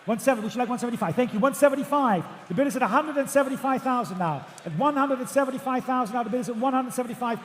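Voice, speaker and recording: A man working as an auctioneer, calling bids in rhythmic, repetitive number patter, projecting loudly to a room. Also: very high voice, racing, hardly any pauses. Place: large auction room with bidders. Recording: echoey auction hall, faint background noise.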